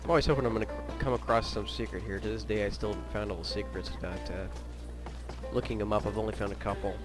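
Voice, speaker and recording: Low-voiced, blunt gamer guy. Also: steady tone, fast talker, music in the background. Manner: blunt, griping, profane. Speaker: let's play host. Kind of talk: casual gameplay commentary.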